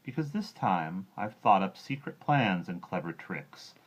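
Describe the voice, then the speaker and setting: A man's voice: sits low, animated, moderate pace. Guy doing a sly greedy crocodile, gloaty and drawn out, kinda muffled audio. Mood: gloating. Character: greedy boastful male crocodile, sly and menacing.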